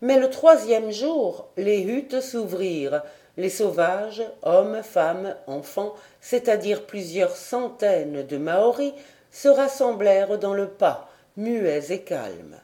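A woman reading a classic adventure novel as an audiobook, with measured, even storytelling. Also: mid-range voice. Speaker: audiobook reader.

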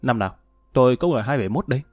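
A man voicing a terse, composed male former soldier who speaks bluntly and low-key. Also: expressive, racing, no room sound, clean studio sound, faint music behind, lightly acted.

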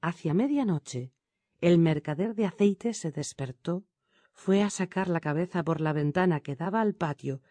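A woman reading a storybook tale aloud in a steady, measured narration. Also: lowish voice, no room sound.

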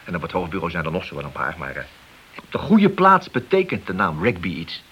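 Heard on a hissy old radio recording, a man gives a full character voice to an ambitious policeman chasing glory in a radio play. His voice sits low, animated and fairly quick, pushed, bright and husky, as he insists and persuades in a coaxing, boastful way.

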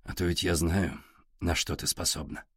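A man reading a quiet, emotional young man. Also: low-pitched, slightly rough, dry recording, studio quality. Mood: tender. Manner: quiet, near-whispered, halting. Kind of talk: audiobook character reading.

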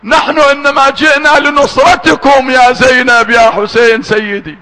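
A man with a very high voice preaches and chants a mourning lament. His tone is bright and forceful. He moves from brisk talk into slow, stretched-out chanting and now and then rises to a shout. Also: level tone, low-quality recording. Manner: switches between quick speech and slow drawn-out chanting, sometimes shouting.

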